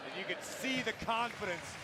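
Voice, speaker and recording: Male wrestling colour commentator, high voice, opinionated tactical analysis, live over arena noise. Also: expressive, moderate pace, over a noisy crowd. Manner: opinionated, explains tactics in full sentences. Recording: clear arena noise behind.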